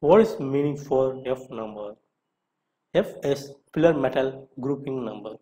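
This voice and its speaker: A man narrates a scripted lesson like an instructor, reading each question and then a short answer in a deliberate way. His voice is mid-range with a dark tone, and the audio is poor.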